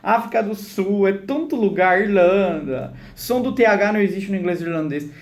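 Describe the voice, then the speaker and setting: A man with a high voice teaches an English class. He explains patiently and acts out short example dialogues to make each point. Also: moderate pace. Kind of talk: live online English class.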